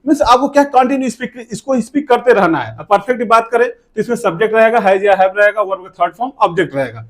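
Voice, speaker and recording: High-voiced Indian man teaching grammar. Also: animated, fast talker, a bit bright. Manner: drills sentence pairs, repeats words, asks and answers own questions. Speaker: English teacher. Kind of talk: classroom grammar lesson.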